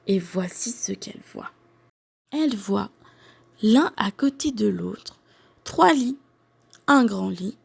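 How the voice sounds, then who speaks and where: A woman teacher reading a picture book aloud to children, clearly and expressively. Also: medium pitch, mellow.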